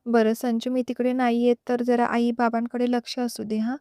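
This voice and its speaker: A woman reading a storybook voices a lonely young wife who speaks in a soft, pleading way. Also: a little high, little pitch movement, moderate pace, clean tone, dry recording, studio quality, close to an everyday voice. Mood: plaintive.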